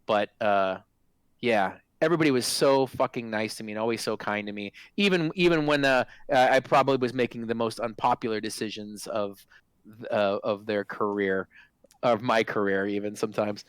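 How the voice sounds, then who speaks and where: A man in his forties chats as a stream guest, excitable and loose, restarting sentences and swearing freely. His voice sits at an ordinary pitch. The sound is dry and close. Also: smooth, no room sound, poor audio. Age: 40s. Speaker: guest, former game product manager. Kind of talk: casual interview chat.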